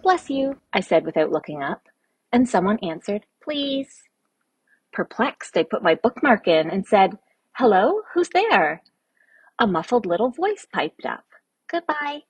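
A woman who hosts a podcast, reading her own rhyming children's poem aloud with gentle, playful storytelling. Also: medium pitch, breathy edge, no room sound. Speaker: podcast host and poet.

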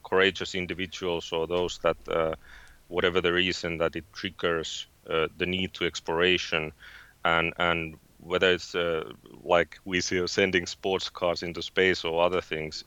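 Finnish guest, 40s, very low flat voice, halting delivery, slightly muffled recording. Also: male voice, clean tone, dry recording. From Finland. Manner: halting, many fillers and restarts. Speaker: guest, space company founder. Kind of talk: interview conversation.

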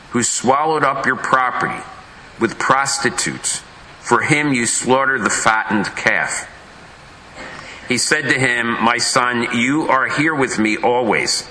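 Man, pastor, solemn scripture reading, measured pace, cavernous church reverb, faint hum behind. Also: mid-range voice, pushed and bright. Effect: big echoing church reverb. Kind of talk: reading scripture aloud at Mass. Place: large church. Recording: roomy echoing church sound.

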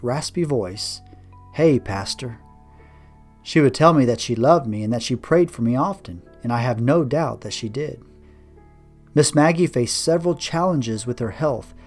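A man's voice: a little high, darkish tone. A man who is a pastor and podcast host, reading his devotional blog aloud as earnest, reflective storytelling into a close microphone. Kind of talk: read devotional blog narration.

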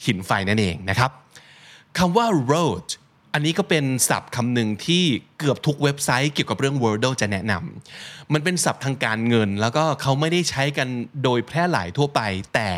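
A podcast host with a mid-range, slightly bright voice runs a casual vocabulary show. He explains words in a chatty way and spells them out letter by letter.

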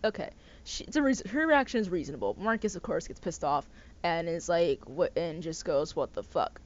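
A woman's voice: fairly low pitch, animated, a little fast. A young woman ranting casually as host, swearing often and rambling with restarts and stumbles. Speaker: podcast host. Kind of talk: casual rant. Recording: slightly dull lo-fi sound with faint noise.

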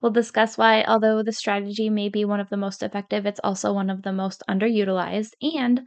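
A woman in her thirties hosts a podcast monologue in a medium-pitched, level, brisk voice. Tired from lack of sleep and a little scratchy, she speaks sincerely and encouragingly straight to her listeners.

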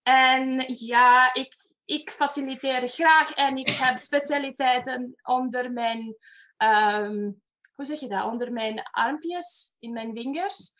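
A woman in her thirties or forties from Romania with a Romanian accent, a facilitator talking as a guest in a casual online chat, lively and laughing, sometimes searching for words. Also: sits high, takes it slowly.

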